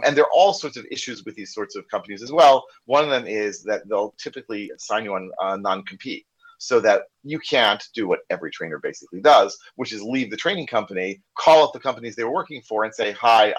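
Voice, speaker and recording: A lowish, slightly fast male voice with a breathy edge tells a candid story on a casual podcast. He is an American corporate trainer appearing as a guest, acting out quoted dialogue, and the lo-fi recording sounds slightly dull.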